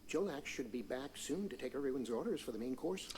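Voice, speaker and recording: Male actor as a cheerful alien cook in a game, lively melodic delivery, light hiss. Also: medium pitch, brisk, lightly acted. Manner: bubbly, lively and eager to please.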